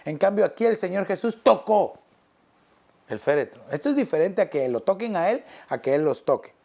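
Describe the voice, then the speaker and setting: A man's voice: sits high, animated, moderate pace, gravelly, darkish tone. Earnest male pastor preaching a sermon. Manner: earnest, pastoral, addressing listeners as brother.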